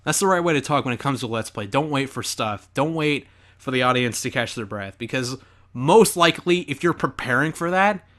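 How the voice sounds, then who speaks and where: A man doing reaction commentary over his old gameplay video, animated, sarcastic and joking. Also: mid-range voice, fairly quick. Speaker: let's play commentator.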